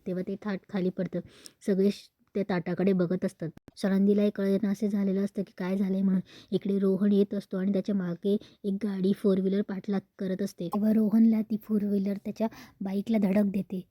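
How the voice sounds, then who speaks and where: A woman retelling a TV serial episode in a steady, plain narration. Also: mid-range voice, a little fast, dry recording, lo-fi sound.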